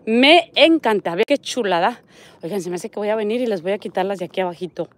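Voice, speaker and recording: Here the middle-aged Mexican vlogger talks fast in a mid-range voice with lively intonation. Filming on her phone along a residential desert street, she chats casually, reads viewer comments and points out what she sees.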